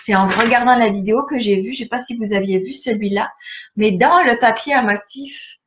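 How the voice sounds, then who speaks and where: A woman's voice: on the high side, fairly quick, highs cut off. A woman chatting casually through a catalogue, hesitant and full of fillers. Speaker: stamping-supplies demonstrator. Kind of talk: casual catalogue walkthrough for viewers.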